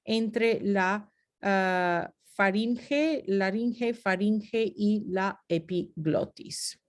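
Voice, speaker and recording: A woman's voice: mid-range voice, very slow. A woman teaching a phonetics lesson over slides, explaining step by step and slipping into short English asides. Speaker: Spanish teacher.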